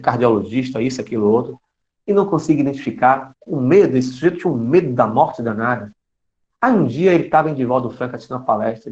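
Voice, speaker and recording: A man giving an online spiritist lecture in an expressive storytelling manner, with dramatic shifts in his voice. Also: medium pitch. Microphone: computer mic on a video call. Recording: dull lo-fi online call audio.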